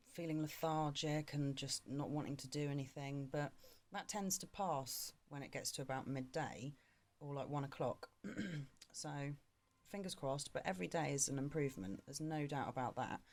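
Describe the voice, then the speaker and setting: A woman in her thirties recording a frank personal video diary, tired and drained, talking in a halting way with many pauses. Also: a bass voice. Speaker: vlogger.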